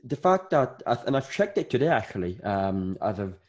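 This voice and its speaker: A man's voice: mid-range voice, big pitch swings, normal speed. A man in his thirties from Northern Ireland, a podcast guest chatting casually and rambling with many fillers. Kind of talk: casual interview chat.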